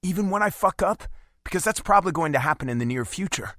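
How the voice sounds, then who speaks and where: Male narrator doing brusque, fidgety best friend, young man, pitched up and heated. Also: animated, fast, fairly bright tone, dry recording, clean studio sound. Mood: agitated.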